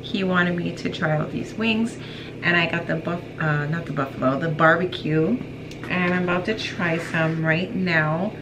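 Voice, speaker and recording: Young woman, low voice, chatty and self-deprecating, noisy kitchen camera audio. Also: moderate pace. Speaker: guest reviewer, host's wife. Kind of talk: casual food review. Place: home kitchen, indoors. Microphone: camera mic, medium shot.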